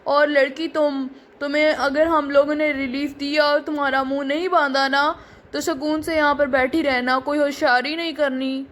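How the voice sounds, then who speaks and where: A woman's voice: high voice, little pitch movement, normal speed, a bit bright. A woman voicing a menacing male plane hijacker who barks threats in a doll story. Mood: threatening. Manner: threatening, barking orders. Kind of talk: doll story role-play.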